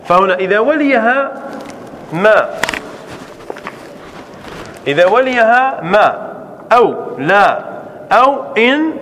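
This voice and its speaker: A man, a sheikh, giving a classroom lesson on Arabic grammar, slowing down to spell out example sentences and often checking if it is clear. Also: sits high, big pitch swings, a bit bright, a little hiss or hum.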